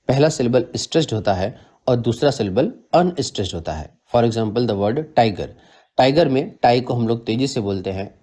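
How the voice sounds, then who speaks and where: A man's voice: medium pitch, a little mellow. A man narrating a literature lesson, reading terms in English and explaining them in Hindi. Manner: measured, explains each term in Hindi after reading it in English. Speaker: literature teacher.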